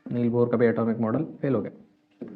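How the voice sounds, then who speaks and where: A man's voice: medium pitch, level tone, normal speed. Male teacher lecturing on chemistry, explains step by step, mixes in English terms; narrow lo-fi sound. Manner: explains step by step, asks and answers own questions. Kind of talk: classroom lecture. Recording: tinny phone-like sound.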